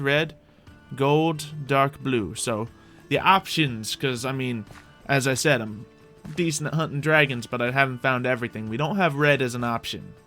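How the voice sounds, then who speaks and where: Speaking at a medium pitch with a slightly bright tone, this man hosts a game while roleplaying a character. His commentary is playful and improvised as he thinks out loud for viewers.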